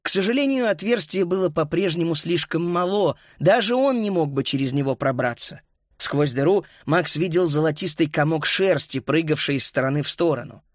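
A man narrating a children's story as an audiobook, lively and voicing each child. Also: fairly high pitch, normal speed, no room sound, studio quality.

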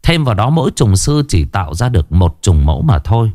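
A man narrating a horror story in a dramatic, lively storytelling manner. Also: fairly low pitch, a little fast, dry recording, studio quality.

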